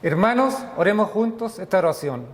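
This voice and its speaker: High-voiced man praying in cathedral-like echo. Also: animated, a little fast. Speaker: pastor leading worship. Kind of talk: solemn liturgical prayer and responsive reading. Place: large reverberant church. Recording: echoey hall with long cathedral-like reverb.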